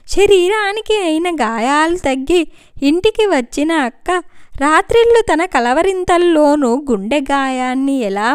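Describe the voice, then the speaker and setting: A woman's voice: sits high, dry recording, clean studio sound. A woman voicing a worried middle-aged mother who speaks in an emotional, pleading way.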